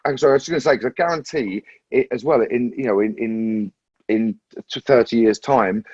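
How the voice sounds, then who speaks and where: A man talks through ideas on a podcast and keeps returning to restate his point. His voice has a husky grain. The audio is dry and a little dull, like a lo-fi recording. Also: medium pitch, a little fast, darkish tone, dry recording. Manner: thoughtful, circles back to restate points. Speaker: podcast panelist. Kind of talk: casual podcast discussion.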